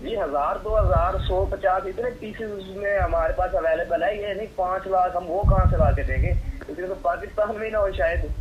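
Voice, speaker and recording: This medicine supplier, a man with a Pakistani accent, speaks on the phone in a high voice at normal speed, barely pausing, with crowd noise around him. His tone is sarcastic and exasperated, and the line is dull and noisy.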